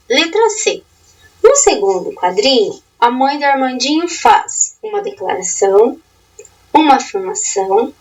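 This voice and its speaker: Lively, high-pitched woman teaching a lesson. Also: recorded from a distance, poor audio. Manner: asks questions and gives step-by-step instructions; rising, emphatic teacher intonation. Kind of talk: remote lesson going over a worksheet.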